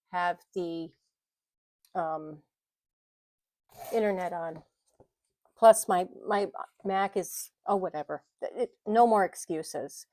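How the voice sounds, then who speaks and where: Speaking to camera with frequent little laughs, this middle-aged vlogger rambles and corrects herself in a fairly low, darkish voice. The sound is clean and studio-like with no echo, though the desk mic gets knocked at times.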